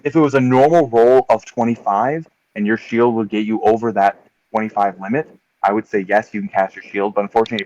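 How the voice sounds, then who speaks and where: A man acting as game master, describing a tabletop combat in vivid, unhurried detail with frequent ums. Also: fairly low pitch, a little mellow, lo-fi sound.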